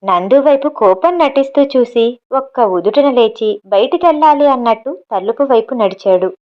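Woman narrator, fairly high voice, reads a romance aloud and gives both lovers light voices, dull lo-fi home recording. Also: lively intonation, normal speed. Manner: reads dialogue of both lovers in her own voice, lightly varied. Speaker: storyteller. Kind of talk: reading a Telugu love story aloud. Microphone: home microphone.

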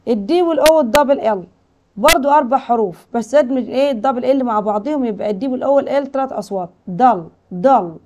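Speaking with an Egyptian Arabic accent, a woman teaches an English lesson by slowly reading lines aloud, translating them, and quizzing her students. She has a high-pitched, slightly mellow voice, with a little hiss or hum in the recording.

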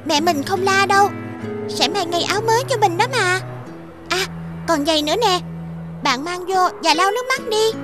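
A sweet, high-pitched young girl. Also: animated, normal speed, long pauses, over music. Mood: kind. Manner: bright, caring, childlike speech. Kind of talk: cartoon dub acting.

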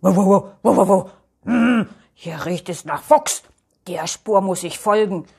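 Woman plays curious little male storybook terrier, eager, barks between words, breathy voice. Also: mid-range voice, measured pace, darkish tone.

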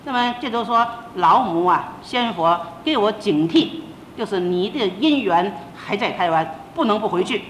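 On an old, roomy tape with faint rumble, an older woman who is a senior religious teacher preaches a sermon built around her own testimony. Her voice is expressive, her pace moderate with hardly any pauses, and she performs the dialogue with feeling.

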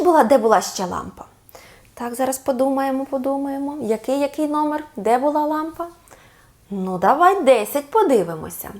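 Slow, sing-song woman coaxing a child. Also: high voice. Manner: slow, drawn-out words for the child to repeat. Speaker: speech therapist. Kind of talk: children's speech lesson.

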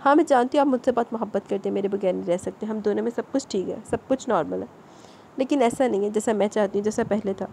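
A woman's voice: medium pitch, vocal fry, warm tone, a little hiss or hum, close to an everyday voice. A woman voicing an emotional young village bride who pleads tearfully with her husband.

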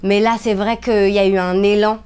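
A woman from France chats as a guest in an interview. She talks with animated emphasis. Her voice sits in a middle register and swoops high when she gets excited. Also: normal speed, smooth. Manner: animated and emphatic, with big pitch swings. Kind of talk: casual interview chat.

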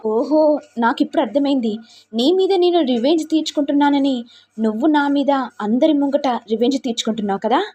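A woman's voice: high voice, a little fast, warm tone, voice pushed up, close to an everyday voice. A woman voicing an angry young husband who scolds his wife with contempt, in a retold family serial. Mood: scornful.

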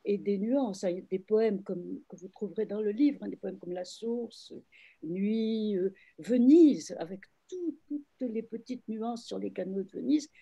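Speaking on a video call as part of an online panel, a literary translator describes what she does. Her medium-pitched voice is creaky, husky, and dark, and her reflective, hesitant delivery is full of pauses and restarts.

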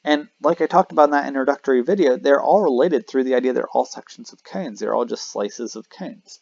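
A man gives a recorded math lesson at a whiteboard, explaining casually and correcting himself with frequent "uh"s as he draws. His mid-range voice is brisk and darkish with vocal fry, captured on a dry, slightly dull lo-fi mic.

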